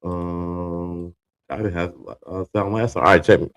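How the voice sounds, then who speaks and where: A man's voice: low-pitched, steady tone, unhurried. A man co-hosting a casual live podcast, laid-back and slangy, laughing often. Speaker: podcast co-host. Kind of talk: casual live-stream chat.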